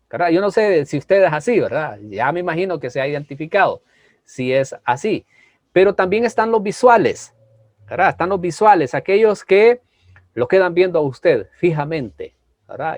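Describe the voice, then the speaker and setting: A man teaching a homiletics class in a church, animated, often asking "¿verdad?" and moving between strong and soft delivery. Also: no room sound. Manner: animated, tag question "¿verdad?" after many phrases; varies loudness and pitch on purpose, drops to soft asides. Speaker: preaching instructor. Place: church hall.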